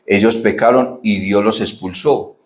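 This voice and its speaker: A male pastor, preaching an animated sermon full of rhetorical questions and direct address to his listeners. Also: fairly low pitch, measured pace, echoey room.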